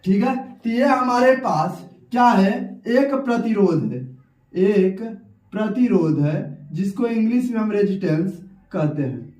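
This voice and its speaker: A man's voice: high-pitched, animated, measured pace, darkish tone, recorded from a distance. A young man teaching a science lesson at a whiteboard, explaining step by step and repeating key terms. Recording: echoey room, off-mic.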